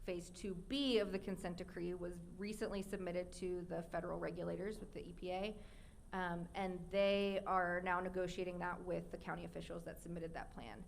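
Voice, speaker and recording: A woman with a low, gravelly voice hosts a live podcast Q&A in front of an audience. She explains things clearly and slips in quick asides. Faint room sound sits behind her. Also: level tone, slight background noise. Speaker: podcast host and reporter. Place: live audience event indoors.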